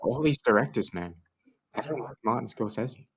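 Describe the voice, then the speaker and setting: A man's voice: mid-range voice, expressive, moderate pace, slightly rough, poor audio. A man co-hosting a podcast as a mock awards show, playful and rambling, with many fillers. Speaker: podcast co-host.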